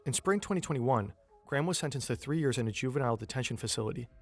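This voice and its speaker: A man's voice: medium pitch, lively intonation, very fast. A man reading scripted documentary narration as the narrator. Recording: music bed behind narration.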